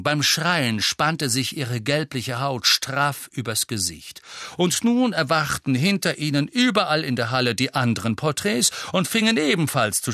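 A man reading an audiobook with expressive storytelling narration. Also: medium pitch, no echo, clean studio sound. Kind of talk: scripted narration.

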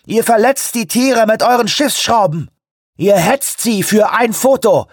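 A man voicing a huge, furious male eco-activist who shouts, scorns and preaches. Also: high voice, big pitch swings, normal speed, husky, no echo, studio quality, pitched above the performer's own voice, full character voice. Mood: preaching.

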